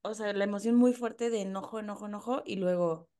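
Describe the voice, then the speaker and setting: A woman with a Mexican accent co-hosting a podcast, talking in an animated, slangy, emphatic way. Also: mid-range voice, brisk. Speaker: podcast co-host. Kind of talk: casual chat.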